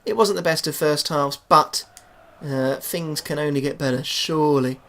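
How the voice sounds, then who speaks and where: Excitable man commentating a football game. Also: normal speed. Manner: excitable, shouts goals then drops to a low murmur. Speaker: gaming YouTuber. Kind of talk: live commentary over a football video game.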